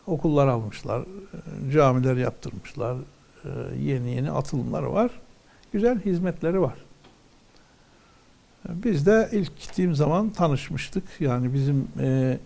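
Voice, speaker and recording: A man teaching from a religious text in a slightly high voice with a gravelly edge. He reads ornate old wording aloud, then explains each phrase in plain words, at the measured pace of a lesson. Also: warm tone.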